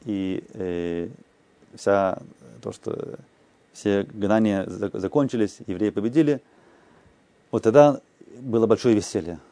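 A man giving a lesson, reading phrases aloud and explaining them one by one in a slow, patient way. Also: fairly low pitch, mellow, no room sound. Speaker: teacher.

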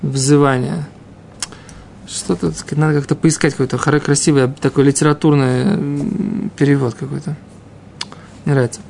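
High-pitched man teaching a religious text. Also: little pitch movement, moderate pace, vocal fry, a little mellow, slight background noise. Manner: explains in fragments, often adds checking questions. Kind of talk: informal Talmud lesson, reading and explaining.

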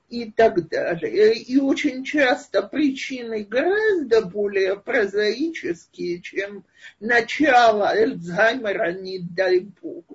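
Slow, very breathy woman lecturing. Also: mid-range voice, highs cut off. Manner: slow, thoughtful, with hesitations. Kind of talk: online lecture answering questions. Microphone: video call.

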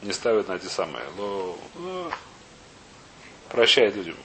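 A man's voice: lowish voice, sing-song, pushed and bright. Man teaching, with audible hiss behind. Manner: halting, searching for words, questioning himself. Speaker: teacher of a Talmud class. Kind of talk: informal lesson, reading a text aloud then translating and explaining. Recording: clear background hiss and noise.

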